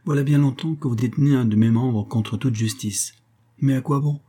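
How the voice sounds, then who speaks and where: A man's voice: mid-range voice, normal speed, mellow, slightly rough, close to an everyday voice. A man reading a storybook, voicing a mad middle-aged male violinist who pleads and rages, urgent and raised. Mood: pleading.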